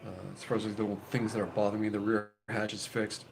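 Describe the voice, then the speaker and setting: Fifties male host, lowish voice, loose rambling chat with profanity, faint ambient hiss. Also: completely flat delivery, fast talker. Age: 50s. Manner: rambling, profane, with frequent fillers and restarts. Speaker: channel host. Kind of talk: casual live chat with viewers.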